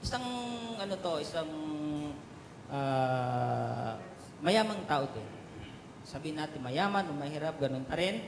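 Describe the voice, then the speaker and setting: A male pastor preaching a sermon and telling stories with fillers, swinging from soft asides to loud emphatic peaks. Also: on the high side, animated, measured pace, gravelly, pauses often. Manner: storytelling with fillers and Taglish asides. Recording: echoey hall with faint noise.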